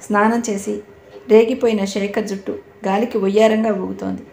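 Brief: woman narrator, steady audio-novel reading, faint hiss in the background. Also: mid-range voice, normal speed, vocal fry. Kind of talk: scripted narration. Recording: echoey room, faint background noise.

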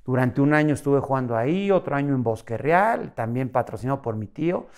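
A man with a Mexican accent, a guest in a casual interview, telling animated stories and acting out dialogue. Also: mid-range voice, brisk. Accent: Mexican Spanish. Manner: animated, acts out dialogue with shifts in voice.

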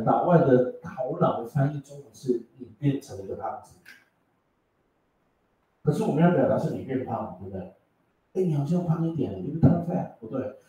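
A man's voice: medium pitch, mellow, lo-fi sound. A male teacher gives a classroom lecture, joking and teasing his students as he drops English words into his explanations. He is picked up from well across the room, and the space rings with strong echo. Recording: echoey classroom from far off.

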